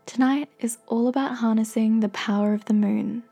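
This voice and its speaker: A woman with a soft, breathy voice gently and slowly guiding a meditation in soothing, encouraging scripted narration. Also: a little high, steady tone, soft background music. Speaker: guided meditation host.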